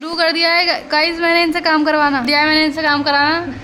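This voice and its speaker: A young woman talks to her camera at home, chatty and quick to laugh as she tells family stories. Her voice sits high. The room rings with echo, and steady noise hums behind her. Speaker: vlogger. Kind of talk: casual family vlog chat. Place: home, indoors. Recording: echoey room with background noise.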